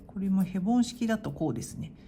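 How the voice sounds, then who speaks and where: A woman teaching hiragana, calmly reading the kana one by one and explaining how to write them. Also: mid-range voice, quick pace, a little hiss or hum. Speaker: Japanese teacher.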